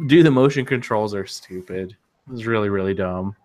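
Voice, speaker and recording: A man's voice: on the low side, normal speed, a little mellow. A man co-hosting a casual gaming podcast, laid-back and opinionated, chuckling often. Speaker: podcast co-host.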